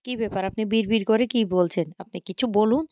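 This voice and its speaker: A woman's voice: a little high, fast, a little mellow, no echo, muffled recording, lightly acted. A woman voicing a curt, dismissive young businessman who speaks brusquely.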